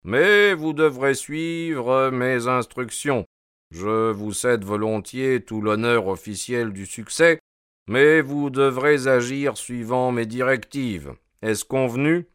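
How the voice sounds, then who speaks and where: A man reading a story aloud voices a self-assured, gently amused detective who gives firm instructions. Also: medium pitch, slow, clean tone, dry recording, clean studio sound, voice pushed up. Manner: wry, assured. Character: amused, commanding male detective.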